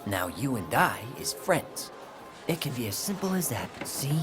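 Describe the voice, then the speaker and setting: A man's voice: medium pitch, big pitch swings, normal speed, close to an everyday voice. A man playing an upbeat, endearing teenage boy in an anime dub, eager and slangy, with music behind. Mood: eager, sincere. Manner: eager, slangy, folksy phrasing. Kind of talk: English anime film dub.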